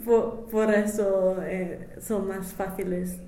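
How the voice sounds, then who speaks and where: A young woman, a language student being interviewed, gives informal answers slowly and hesitantly, feeling for the right words as a non-native speaker. Her tone is level and warm, with little pitch movement, and the room adds noticeable echo over faint noise.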